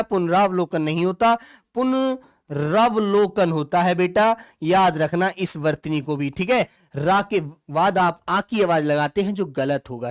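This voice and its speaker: A man's voice: sits high, no echo, studio quality. A man teaching in a live online exam-prep lesson. He talks affectionately to his students as dear children and answers their comments as he goes. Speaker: Hindi teacher.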